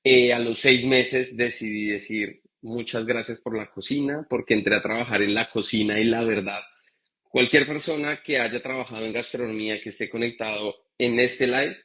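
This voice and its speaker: A man's voice: mid-range voice, steady tone, moderate pace, bright, forceful tone, slightly rough. A man from Bogotá with a Colombian accent, a guest bartender telling his story in a chatty live interview over a video call. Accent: Bogotá Colombian Spanish. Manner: chatty, frequent fillers and restarts.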